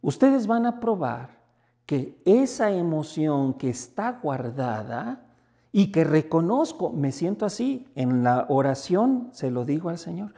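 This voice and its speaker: Warm-voiced Mexican priest giving a talk. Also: male voice, slow, creaky. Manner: conversational, acts out little everyday dialogues with lively pitch jumps. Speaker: priest and basilica rector. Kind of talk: spoken reflection message.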